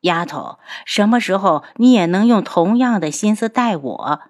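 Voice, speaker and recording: A woman's voice: medium pitch, lively intonation, moderate pace, natural voice. A woman doing a teasing, lovesick young man. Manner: teasing, familiar.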